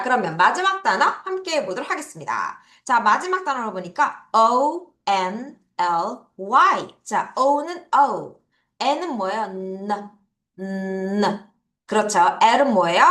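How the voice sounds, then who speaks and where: A woman's voice: mid-range voice, sing-song, takes it slowly, sharp tone, roomy sound. A woman teaching English words to young children, drilling them in call-and-response and laughing often. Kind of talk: children's vocabulary lesson.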